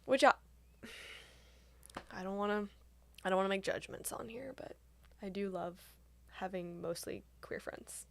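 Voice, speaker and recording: A woman's voice: medium pitch, measured pace, vocal fry, pauses often. A young woman in casual, playful podcast chat with her co-host, who laughs often.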